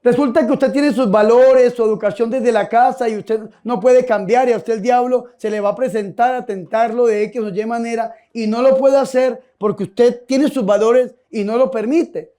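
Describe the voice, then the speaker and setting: A man's voice: very high voice, fairly even intonation, normal speed, hardly any pauses, warm tone. A priest giving a humorous sermon, telling folksy stories and asking his listeners direct questions.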